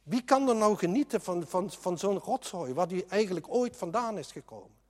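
A man's voice: high voice, expressive, moderate pace, a little mellow, in a large hall. A man preaching a sermon in an earnest, emphatic way, often restarting his sentences.

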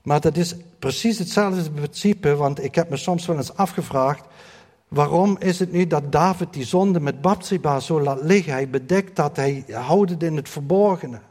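A man preaching a sermon earnestly, hammering points through repetition and often pausing on fillers. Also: fairly high pitch, darkish tone. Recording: long hall reverb.

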